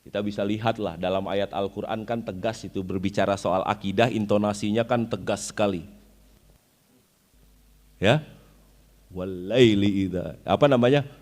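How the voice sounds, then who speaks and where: A man's voice: lowish voice, moderate pace, darkish tone. A man from Indonesia giving a religious study lecture. He explains his points, recites Arabic verses and asks the audience questions. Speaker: Islamic preacher. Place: weekly study gathering.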